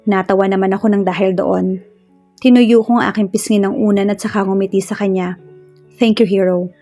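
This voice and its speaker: A woman reading a romance story in first person, in a steady storytelling manner. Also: medium pitch, brisk, soft background music. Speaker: story narrator. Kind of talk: scripted narration of a romance story.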